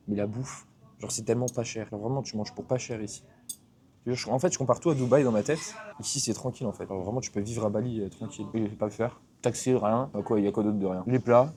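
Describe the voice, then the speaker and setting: A young man talks straight to his handheld camera in a loose, slangy, rambling way. He speaks quickly, with a mid-range voice. A faint outdoor ambience sits behind him. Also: mid-range voice, warm tone, a little hiss or hum. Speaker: vlogger. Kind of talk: casual travel vlog.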